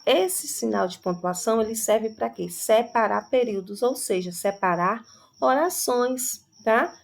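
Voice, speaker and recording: Woman teacher going over grammar, bit high, gravelly voice, keeps asking "tá?". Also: expressive. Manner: explains slowly, often checks in with "tá?". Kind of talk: online grammar lesson.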